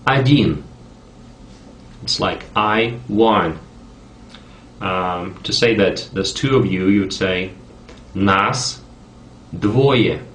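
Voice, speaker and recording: A man teaching a language lesson online, repeating each phrase slowly so learners can follow. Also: low-pitched, a bit bright. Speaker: online Russian tutor. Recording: echoey room with faint background hum.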